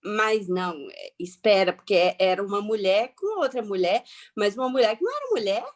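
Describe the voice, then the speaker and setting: A woman's voice: medium pitch, animated, a little fast, lightly acted. A woman acting a flustered, self-righteous middle-class matron in a hammy dramatic reading, theatrical and emphatic, repeating herself as she rambles. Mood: indignant, flustered. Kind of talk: dramatic reading, satirical monologue.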